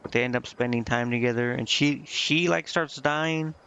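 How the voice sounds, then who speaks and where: This man's mid-range voice comes across pushed and bright at a moderate pace. He meanders through casual game stream commentary in a hesitant, vague way, reading dialogue aloud, recorded on a dull lo-fi mic with clear background noise.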